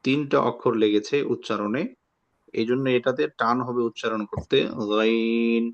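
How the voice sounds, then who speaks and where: A man's voice: medium pitch, fairly even intonation, normal speed, muffled recording. A man teaching an online Quran reading class, patiently explaining and repeating each letter sound for students to copy.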